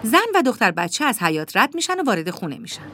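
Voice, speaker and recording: A woman's voice: medium pitch, crowd noise. Woman reading film audio description. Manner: plain, even reading. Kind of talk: scripted audio description narration.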